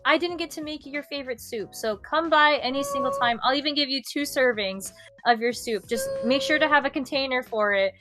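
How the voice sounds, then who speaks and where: A woman's voice: high voice, a little fast, music in the background, voice pushed up, lightly acted. A woman putting on the voice of a sweet, fretful little old grandmother while retelling a video game. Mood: relieved, doting.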